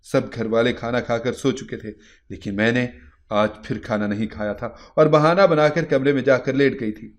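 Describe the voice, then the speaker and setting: Man narrating a moral story. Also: medium pitch. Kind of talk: scripted first-person story narration.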